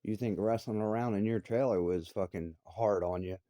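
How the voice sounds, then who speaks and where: A man's voice: lowish voice, normal speed, warm tone, no echo. A man in his thirties giving an angry, profane personal rant. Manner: profane, confrontational, heated. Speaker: vlogger.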